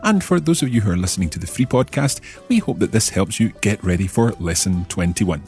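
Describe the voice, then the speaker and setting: A man hosting a podcast language lesson, explaining phrases in a clear, deliberate teaching voice and slowing down for examples. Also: fairly low pitch, expressive, darkish tone, soft background music.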